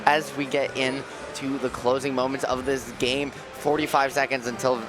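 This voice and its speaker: A man's voice: mid-range voice, flat delivery, normal speed, music in the background. A man commentating a live esports match with play-by-play and banter, with a speech impediment on his R sounds.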